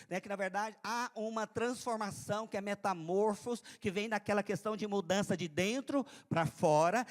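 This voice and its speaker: A high-pitched man preaching a sermon in a church service. He keeps repeating phrases and tags them with a quick "né". His delivery rises from hushed lines to loud, fervent ones. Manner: preaching with swings from quiet to loud; repeats phrases and adds "né" often. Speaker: pastor.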